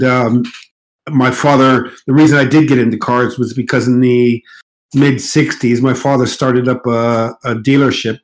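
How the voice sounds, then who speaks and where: A Moroccan car designer in his sixties, with a mid-American-sounding accent, is the guest in a casual interview at his countryside home. His mid-range voice comes across relaxed and hesitant, full of fillers, and the audio is poor.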